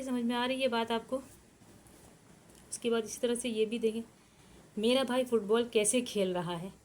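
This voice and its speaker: Patient woman teaching English grammar slowly. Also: a little high, darkish tone. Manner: patient, repetitive, dictates English sentences slowly word by word. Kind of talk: grammar lesson explaining in Hindi-Urdu. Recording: faint background noise.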